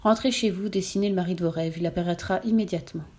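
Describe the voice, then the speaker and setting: Woman voicing young fortune-teller, low muffled half-whisper, sly, smooth sales talk, storybook. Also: moderate pace, lightly acted. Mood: hushed. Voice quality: low, hushed voice.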